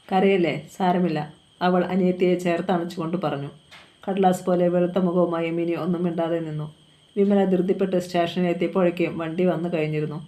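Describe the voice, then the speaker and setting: A woman reading a novel aloud at a steady, even pace. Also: fairly low pitch. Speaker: novel reader.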